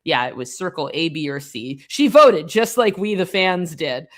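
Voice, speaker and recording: A woman's voice: low voice, sing-song, moderate pace. A woman guest on a podcast, chatting casually and wryly, with many fillers and restarts. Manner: wry, tongue-in-cheek.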